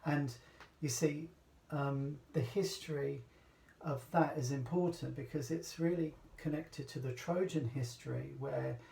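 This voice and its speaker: A man's voice: fairly high pitch, fairly even intonation, measured pace, creaky, dark tone. Hesitant British man, roomy distant sound. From Britain. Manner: hesitant, rambling, many fillers and restarts. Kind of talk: casual talk. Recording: echoey room, voice from a distance.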